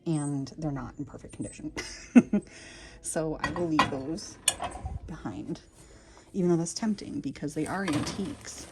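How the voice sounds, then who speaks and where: A woman vlogging as she browses a thrift store for vintage pieces to resell, often whispering excitedly to the items. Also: low voice, a little slow, noisy background. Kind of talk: thrift store vlog narration.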